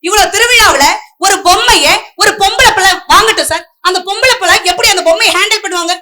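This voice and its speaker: A woman giving a comic debate speech on a festival stage, teasing the judge with rapid-fire questions. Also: very high-pitched. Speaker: debate speaker. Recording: live stage with loud crowd. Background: loud crowd.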